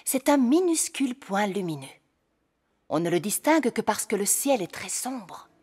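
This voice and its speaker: A woman voicing a calm, patient fairy queen mother in a cartoon dub. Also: mid-range voice, moderate pace, husky. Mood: explaining.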